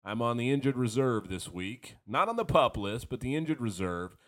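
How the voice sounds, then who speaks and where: A man hosting a sports fan podcast, talking casually and frankly while hoarse from a cold. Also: medium pitch, big pitch swings, moderate pace, a bit bright. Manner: frank, rambling, self-deprecating fan talk. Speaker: podcast host.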